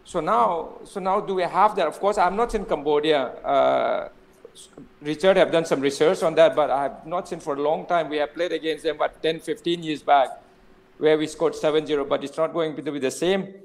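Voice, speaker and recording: A man's voice: a little high, fairly even intonation, moderate pace, vocal fry, rough recording. A man with an Indian accent giving informal football analysis, emphatic and often repeating words and phrases. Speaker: football pundit.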